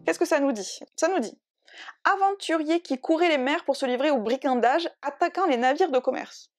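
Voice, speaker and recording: Chatty woman vlogging about books, a bit high-pitched, rambles and restarts and laughs a lot. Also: normal speed, soft background music. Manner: bubbly, rambling, self-correcting, laughs often. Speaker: book and art vlogger. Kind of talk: casual chat to camera.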